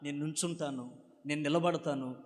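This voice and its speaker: Animated high-voiced male preacher. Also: moderate pace. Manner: animated, urges the congregation to answer loudly. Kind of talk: sermon with call-and-response. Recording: long hall reverb.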